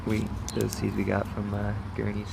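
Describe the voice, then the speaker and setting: A man with a fairly low voice and plenty of gravelly fry talks casually as he shows a garden. He is laid-back and loosely profane. The recording is outdoors, with clear ambient noise behind him. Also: completely flat delivery, normal speed. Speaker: gardener vlogger. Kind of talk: casual walk-and-talk garden vlog.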